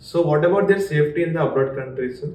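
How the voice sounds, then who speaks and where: A man's voice: fairly high pitch, slow pace, a little mellow. A man interviewing a guest on a podcast, asking questions politely and addressing him as sir. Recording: roomy, distant mic with faint noise.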